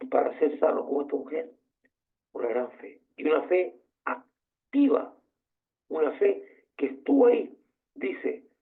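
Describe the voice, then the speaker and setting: A man's voice: high voice, vocal fry. A man preaching a sermon as pastor, passionate and full of rhetorical questions. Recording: tinny phone-like sound.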